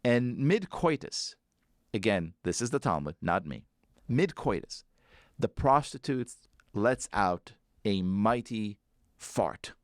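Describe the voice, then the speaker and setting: A man, an author and guest, telling a story with animated, swooping emphasis. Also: fairly low pitch, takes it slowly, no room sound, clean studio sound.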